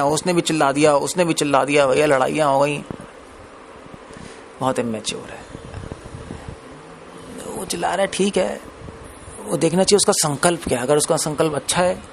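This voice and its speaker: Male preacher, conversational sermon delivery, gravelly, slightly high-pitched, English words mixed in. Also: normal speed, long pauses, slight background noise. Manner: conversational, mixes English words, laughs between points. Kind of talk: Hindi discourse on scripture.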